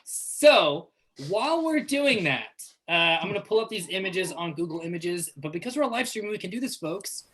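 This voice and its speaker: A man's voice: sits high, big pitch swings, normal speed, hardly any pauses, a bit bright, slight background noise. A man running a tabletop role-playing game on a live stream as game master, chatting casually and organizing the players.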